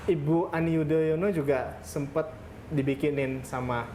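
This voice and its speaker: A woman hosting a morning TV show, chatting with a guest and quickly encouraging her answers. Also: deep voice. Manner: chatty, lively interviewer with quick encouraging backchannels. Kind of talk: TV studio interview. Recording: noisy TV studio.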